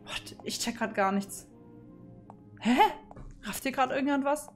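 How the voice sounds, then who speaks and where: A woman giving casual gameplay commentary, her voice on the high side. She talks in bewildered, slangy asides while she plays, and faint game music runs underneath. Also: unhurried. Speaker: let's play streamer.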